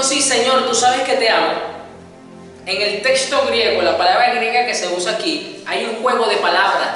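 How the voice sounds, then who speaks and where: A man preaching a sermon, explaining scripture and acting out the quoted dialogue in a teaching manner. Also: high-pitched. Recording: echoey hall, voice from a distance, soft music.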